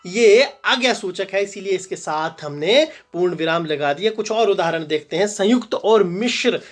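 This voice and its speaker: A man's voice: high-pitched, animated, moderate pace. Man teaching Hindi grammar step by step. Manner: repeats and stresses example sentences, asks and answers own questions. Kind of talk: explanatory grammar lesson.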